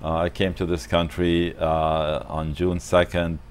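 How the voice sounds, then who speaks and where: Very deep-voiced man in his sixties. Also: flat delivery, slight background noise. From Palestine. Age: 60s. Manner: measured, many hesitations. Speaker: guest. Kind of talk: interview. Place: TV studio.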